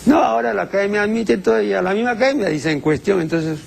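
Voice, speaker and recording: A man's voice: sits high, fast talker, creaky, slight background noise. An older man, answering viewers' language questions on a TV segment in a strict, pedantic way with many hesitations.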